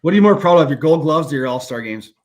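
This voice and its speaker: A man hosting a casual interview, a former ball player who tells stories in an animated, joking way. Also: a little high. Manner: animated, quick storyteller, joking.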